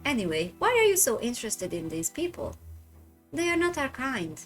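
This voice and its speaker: A woman's voice: sits high, sing-song, moderate pace, soft background music. A woman voicing a stern upper-class Victorian woman who scolds her younger sister in a haughty manner.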